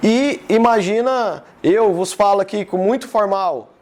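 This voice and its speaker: A man's voice: sits high, measured pace, darkish tone. A man in his thirties from Goiás with a Goiás accent, giving an informal live business talk and speaking straight to his audience in a casual, chatty way. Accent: Goiás Brazilian Portuguese. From Goiás, Brazil.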